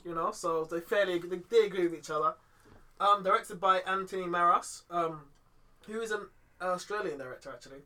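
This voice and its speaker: A young man with a London roadman accent co-hosts a casual film chat. His voice is high and bright, and he talks fast and animatedly, full of street slang. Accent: London, urban street slang delivery. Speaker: podcast co-host.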